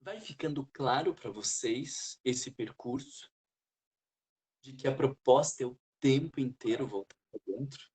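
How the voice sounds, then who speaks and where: A man's voice: medium pitch, measured pace, darkish tone, slightly rough. A man leading a spiritual study group, talking in an earnest, reflective way and putting questions to the group.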